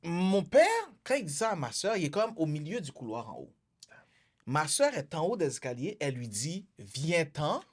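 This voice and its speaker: A man's voice: on the high side, sing-song, moderate pace. A young man with a Quebec French accent telling a story in casual podcast chat, mixing in English slang and acting out quotes. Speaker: podcast host.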